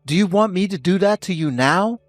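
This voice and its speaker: A man in his fifties voicing a stern husband who speaks calmly and coldly, lecturing his wife. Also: high-pitched, a little fast, no echo, clean studio sound, soft background music. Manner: calm, cold and lecturing. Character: stern husband ending a toxic marriage.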